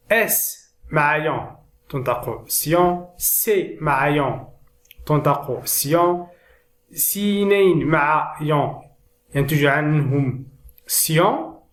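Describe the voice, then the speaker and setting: A man teaching reading from slides, explaining rules and then reading word lists slowly and clearly. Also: fairly high pitch, fairly bright tone, echoey room. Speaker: French teacher. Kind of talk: slide-based reading lesson.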